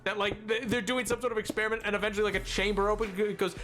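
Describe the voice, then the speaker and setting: A man streaming a game, chatting casually in an excitable, rambling way and laughing often. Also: high-pitched, racing. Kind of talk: casual gameplay commentary.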